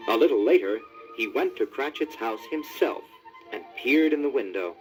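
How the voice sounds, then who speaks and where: A man narrating a children's storybook record, with expressive, scripted delivery. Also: mid-range voice, moderate pace, faint music behind, poor audio. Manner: animated, expressive.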